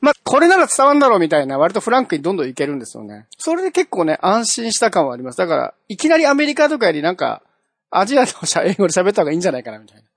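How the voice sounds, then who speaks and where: Male guest, fast lively anecdote-teller, dry sound. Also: high-pitched, gravelly, dry recording. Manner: relaxed, anecdotal, quick. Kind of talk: casual chat.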